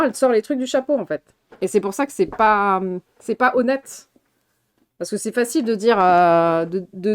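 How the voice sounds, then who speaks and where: A woman streamer chatting casually about films on a live stream, rambling, swearing and laughing often. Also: on the high side. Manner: chatty, rambling with restarts, reacting to chat.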